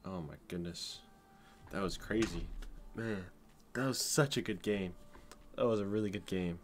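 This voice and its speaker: Excitable young man commenting on gameplay. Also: low voice, moderate pace, faint music behind. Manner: excitable, shouts in tense moments then talks softly. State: shaky with adrenaline. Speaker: gaming video creator.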